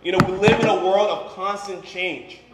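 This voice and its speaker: Before a live congregation in a large, echoey room with faint background noise, a campus minister preaches informally in a high, steady voice at a moderate pace. He is in his 20s or 30s, from Liberia, and moved to Boston at thirteen. His manner is conversational and joking, sprinkled with "you know" and "right."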